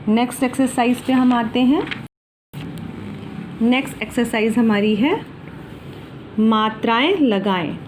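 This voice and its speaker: A woman teacher giving a slow, deliberate alphabet lesson for children, drawing out each syllable for them to repeat. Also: a little high, a little mellow, a little hiss or hum.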